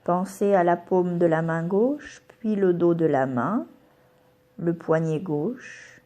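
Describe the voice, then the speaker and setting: A woman whose voice is on the low side leads a yoga nidra relaxation meditation. She speaks in a calm, soothing, measured way and pauses between instructions.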